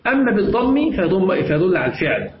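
A man with an Egyptian accent teaches Islamic jurisprudence in a classroom lesson, his high voice very animated and quick. He explains step by step, repeats key phrases, and quizzes his students. The room recording is echoey, dull and lo-fi, with clear noise.

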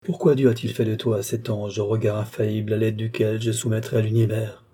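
A man's voice: lowish voice, flat delivery, brisk, warm tone, husky. A man reading the lines of a brooding, ambitious mystic in a solemn, exalted declamation. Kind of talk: audiobook character reading.

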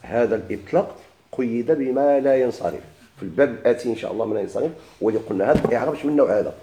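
Fast, mellow-voiced Moroccan teacher. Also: male voice, medium pitch, expressive. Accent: Moroccan Arabic. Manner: quotes verses, then explains step by step with questions to students. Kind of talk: classical grammar lesson.

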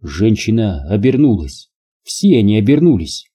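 A man narrating an audiobook in an even, measured reading. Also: fairly low pitch, slightly rough.

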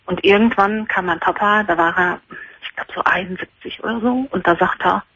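A woman in her forties calling a radio show, talking softly so as not to wake her sleeping family. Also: medium pitch, brisk, no room sound. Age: 40s. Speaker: caller. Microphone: telephone. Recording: husky phone line into a radio show.

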